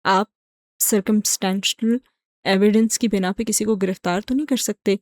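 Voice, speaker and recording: A woman's voice: mid-range voice, fairly even intonation, darkish tone, no echo, studio quality, close to an everyday voice. A woman reading the lines of a young lawyer wife who pleads that she is innocent. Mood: tense. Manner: pleading, stunned, defensive.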